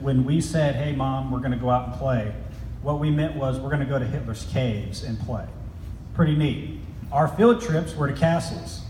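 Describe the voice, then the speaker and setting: Speaking at chapel, a middle-aged school head raised in Italy and Germany talks to students in a warm voice on the high side, chatting, joking and quizzing them. Using a handheld mic, his words carry through a big, echoey hall with a long reverb tail, a faint hiss underneath.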